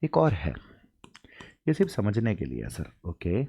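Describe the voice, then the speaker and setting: A man's voice: fairly low pitch, a little slow, slightly rough, no room sound. Young guy teaching english, voice bounces up and down a lot, dry close mic. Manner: animated, acts out students' questions and answers himself. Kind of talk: exam-prep English lesson.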